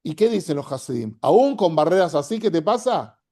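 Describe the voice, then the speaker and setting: Rioplatense rabbi teaching, mellow voice. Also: male voice, a little high, big pitch swings, moderate pace. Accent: Rioplatense Spanish. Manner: conversational, checks in with frequent "¿sí?"; acts out inner voices while explaining.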